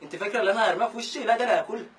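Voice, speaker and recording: A young man with an Egyptian accent fires off an exasperated comic rant full of rhyming insults. His voice is high and bright, and he races through the lines. The mic sits some way off. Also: racing, distant mic. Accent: Egyptian Arabic. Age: young adult. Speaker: comedian.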